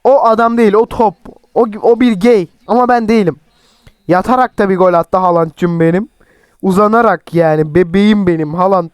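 A young man with a sore, cracking throat, chattily commenting on his own football game and yelling at his players. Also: sits high, moderate pace. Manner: chatty, teasing, shouts at players. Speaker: mobile football gameplay streamer. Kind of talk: excited gameplay commentary.

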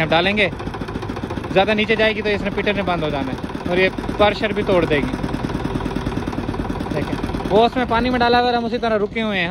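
A man's voice: high voice, very noisy. A young man from Pakistan with a Punjabi accent, chatting casually as he shows viewers around from a boat on a river. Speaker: vlogger. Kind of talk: casual travel vlog. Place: outdoors on a wooden boat on a wide river. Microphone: phone held at arm's length. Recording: loud boat engine behind.

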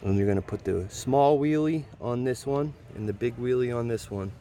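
This is a man with a medium-pitched voice talking at normal speed as he shows off a pressure washing build, explaining each step in loose, colloquial terms. He's recorded outdoors on a concrete patio with a handheld phone from behind the camera, and background noise is present.

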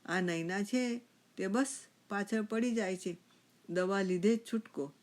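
Woman narrator doing an older father: slow, tender, drawn-out calls. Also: mid-range voice, darkish tone, close to an everyday voice. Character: elderly father, gentle and affectionate.

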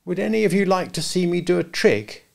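A man's voice: high voice, lively intonation, vocal fry, voice pushed up. A man doing a humble, mournful little boy. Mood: glum. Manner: diffident, slow and heavy.

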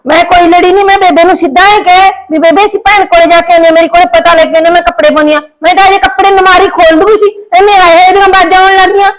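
A woman's voice: very high-pitched, fairly even intonation, rapid-fire, few pauses. A young woman playing a daughter-in-law who scolds her husband with indignant retorts. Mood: indignant, scolding. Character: sharp-tongued young wife defending herself.

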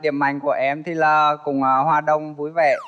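A man's voice: a little high, flat delivery, moderate pace, dull audio, a little hiss or hum. A man in his twenties, from Vietnam, introducing himself politely as a dating show contestant, with many hesitant fillers. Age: 20s. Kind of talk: casual chat.

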